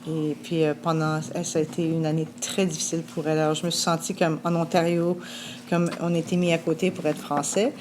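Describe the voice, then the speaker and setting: Woman telling a heartfelt story, low voice, clear noise behind her. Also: level tone, fairly quick. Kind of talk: personal testimony.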